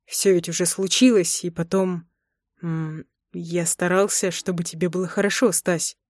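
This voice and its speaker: A woman reading the part of a calm young husband who coaxes and teases his wife, in a slightly lower voice than her narration. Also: normal speed, no echo, clean studio sound, close to an everyday voice. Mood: coaxing. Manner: unruffled, coaxing.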